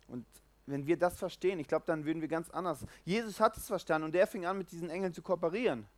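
A man preaching an informal sermon, animated, acting out the voices in the stories and swinging between loud and quiet. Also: medium pitch. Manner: lively, animated, acts out quoted voices, swings loud and soft.

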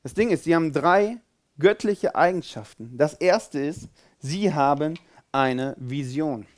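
Emphatic preacher man, slightly high voice. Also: lively intonation, a little slow. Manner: emphatic, repeats key phrases, rhetorical questions; swings from loud declarations to quiet, intense asides. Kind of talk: sermon with a Bible reading.

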